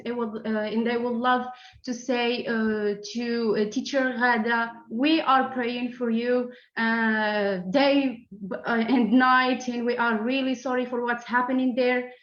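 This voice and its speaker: A woman student giving halting thanks at the end of an online webinar, with many fillers and restarts. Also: fairly high pitch. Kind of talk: online meeting remarks. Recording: echoey, dull call audio.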